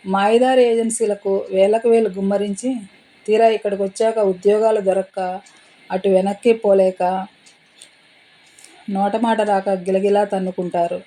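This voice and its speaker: Wry, worldly man of forty, jovial and mocking, mellow tone voiced by a woman narrator. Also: mid-range voice, close to an everyday voice, low-quality recording.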